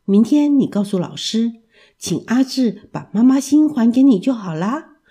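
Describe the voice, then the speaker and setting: A woman voicing a gentle, loving mother who soothes her child in a storybook. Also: on the high side, sing-song, moderate pace, husky. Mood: soothing. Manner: soft, soothing.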